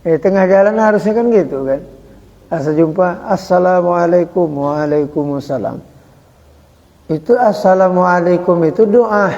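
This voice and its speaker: A man over forty giving an informal religious study talk, chatty and joking, acting out greetings slowly. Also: high-pitched, darkish tone. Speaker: religious teacher. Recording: dull echoey hall.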